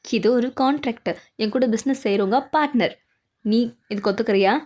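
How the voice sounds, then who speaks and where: A woman's voice: fairly high pitch, brisk, darkish tone, close to an everyday voice. A woman voicing a stern young husband in a fan dub, speaking in short, cool, clipped lines. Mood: curt. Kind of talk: Tamil fan dub of a drama.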